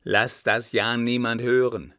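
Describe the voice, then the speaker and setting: A man playing a worried old coachman in a storybook, low and cautious. The voice is gravelly and slow, recorded close and dry. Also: fairly even intonation, no echo. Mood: alarmed. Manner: anxious, hushed, cautious.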